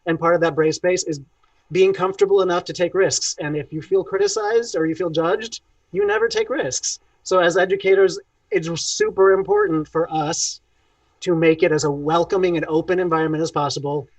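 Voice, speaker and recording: A man's voice: on the high side, a little fast, no room sound, far from the mic, poor audio. A man who teaches theatre, speaking on a video call panel in an upbeat, encouraging, conversational way. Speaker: theatre educator.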